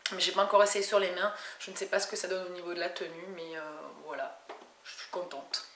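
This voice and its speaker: A woman's voice: fairly low pitch, fairly even intonation, fast talker, a bit bright. A woman from France chatting casually through a beauty haul, hesitating often and restarting her sentences. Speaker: beauty vlogger. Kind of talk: casual haul video chat. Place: home room. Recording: echoey room with faint noise.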